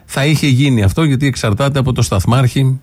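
A man's voice: mid-range voice, darkish tone, slightly rough, no echo. A man hosting a radio political commentary show, sarcastic, listing his points one by one. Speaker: radio host.

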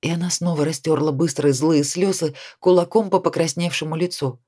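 A woman reading a novel aloud as narrator, in an even, measured way. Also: sits low. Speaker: audiobook narrator. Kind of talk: scripted narration.

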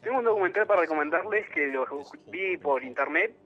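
A man calling into a radio show, relaxed and wry as he recommends a documentary. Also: high voice, a little fast, a crowd in the background. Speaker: caller. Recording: dull lo-fi phone line.

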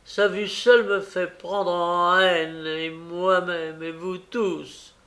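A bitter, defiant young woman who answers back with mocking scorn, voiced by a male audiobook reader. Her lines ride higher and louder than the narration, delivered at an unhurried pace. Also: level tone, full character voice. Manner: raised and mocking, taunting. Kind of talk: audiobook character reading.

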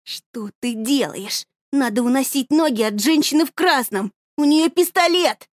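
A woman voicing a frightened boy who speaks in a hushed, urgent way, in an audiobook reading. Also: medium pitch, slow pace, no room sound, lightly acted. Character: frightened young boy, pleading.

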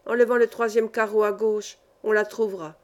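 A woman's voice: medium pitch, flat delivery, brisk, a little mellow, close to an everyday voice. A woman voicing a huge, strong male miner who pleads and confesses, repeating himself, in an audiobook. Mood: pleading confession.

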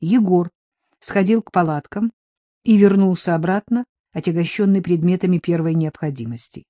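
A woman reading a story aloud in a steady storytelling manner. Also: on the low side, moderate pace, dry recording. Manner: steady storytelling, voices the characters. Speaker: audiobook reader. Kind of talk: scripted narration.

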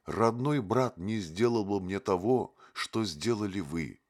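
A naive young poet, put on by a male reader, spills over with eager gratitude. The voice sits well above the reader's own and stretches its words. It comes across as soft and flattering. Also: fairly low pitch, pitched above the performer's own voice. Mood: gushing. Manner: gushing, eager, drawn-out.

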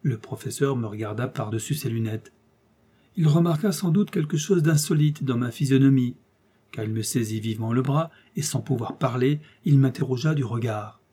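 Dude reading an old adventure book out loud, dark mellow tone, kinda husky. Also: male voice, medium pitch. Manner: expressive, measured storytelling. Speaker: audiobook narrator. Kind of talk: first-person novel reading.

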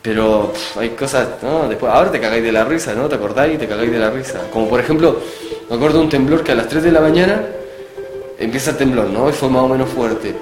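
A man with a Chilean accent hosting a casual radio chat, telling rambling anecdotes in a relaxed, chuckling way. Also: mid-range voice, quick pace. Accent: Chilean Spanish. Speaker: radio show host. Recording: echoey room with music behind.

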